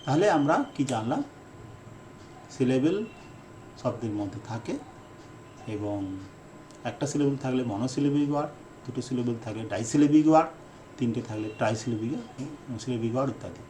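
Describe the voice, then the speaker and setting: A man who is an English teacher giving a lesson, repeating his key definitions and speaking in slow, deliberate phrases with fillers. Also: medium pitch, expressive, warm tone, slight background noise. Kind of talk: explanatory lesson lecture.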